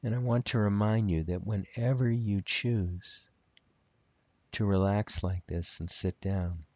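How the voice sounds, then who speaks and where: A man speaking as a hypnotist, leading a guided relaxation in soothing, repetitive, measured phrases. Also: fairly low pitch, darkish tone, dry recording, lo-fi sound.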